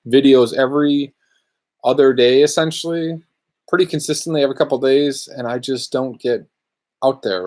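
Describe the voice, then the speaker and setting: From his workshop, a luthier podcast host runs a live Q&A, laid-back and rambling as he answers viewer questions in casual chat. His voice is medium-pitched with a darkish tone.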